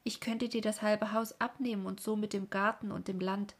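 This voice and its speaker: A woman reading aloud, voicing a solemn, warm-hearted mother in a breathy voice. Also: medium pitch, little pitch movement, normal speed, natural voice.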